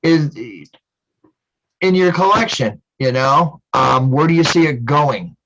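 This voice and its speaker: A host asking questions in a casual interview, halting and restarting often with many fillers, heard over a video call. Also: mid-range voice, expressive, fairly bright tone. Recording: muffled with faint noise.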